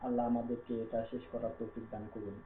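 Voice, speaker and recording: A man teaching a Quran reading class, slowly spelling out each letter and repeating it patiently, with a Bangladeshi Bengali accent. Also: mid-range voice, flat delivery. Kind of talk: slow classroom-style lesson, spelling out letters. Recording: tinny phone-like sound in an echoey room with faint hum.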